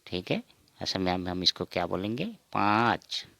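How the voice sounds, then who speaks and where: A man with a very low, gravelly voice teaches numbers at an unhurried pace. He repeats every word and asks and answers his own questions. The sound is dry and close. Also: lively intonation, bright, forceful tone, dry recording. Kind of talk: slow spoken counting lesson.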